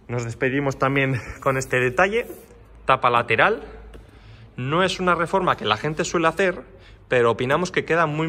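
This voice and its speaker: Filmed on a handheld phone in an indoor workshop, a man who builds custom motorcycles gives a detailed, casual tour of a bike. His voice sits in the mid range and sounds pushed and bright, and he points out each part while explaining it.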